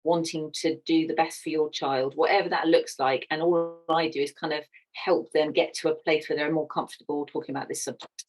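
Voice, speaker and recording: This is a middle-aged woman with a low voice, chatting about her work as a sex educator. She speaks earnestly, with open enthusiasm for her subject. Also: fairly even intonation, fairly quick, a little mellow, rough recording. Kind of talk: casual chat.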